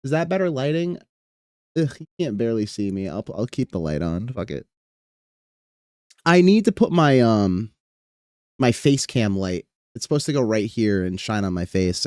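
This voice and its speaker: A man's voice: mid-range voice, a little mellow, no room sound, clean studio sound. A young man chatting casually on a live stream, rambling with lots of fillers and casual swearing.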